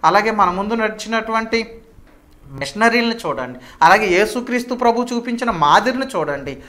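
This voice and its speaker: A man preaching a sermon as a pastor, fervent, rising to loud declamation as he addresses listeners as children. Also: high voice, expressive, moderate pace.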